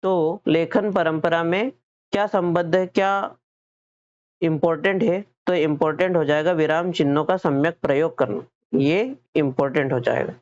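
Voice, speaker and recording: With a Hindi accent and a somewhat high voice, a man teaches an exam-prep lesson at normal speed, explaining questions one step at a time. He poses questions, supplies the answers, and frequently repeats or corrects himself. The audio is dull, with no echo.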